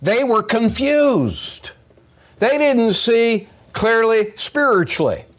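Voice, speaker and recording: An older man preaching a sermon as pastor, earnest and emphatic, with pauses and rising stresses, recorded on a pulpit microphone in a church sanctuary. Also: very high voice, big pitch swings. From United States.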